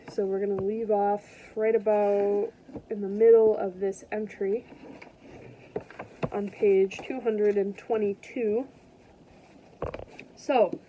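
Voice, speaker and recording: A woman teacher reading a book aloud to her students from home, then talking to them gently. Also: mid-range voice, a little hiss or hum, low-quality recording. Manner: gentle, caring sign-off to students.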